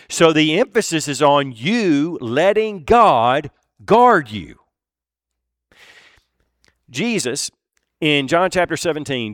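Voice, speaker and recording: Earnest preaching man, lively pitch. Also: no echo, clean studio sound. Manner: earnest preaching with deliberate pauses and emphatic repeats. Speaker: pastor. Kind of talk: sermon.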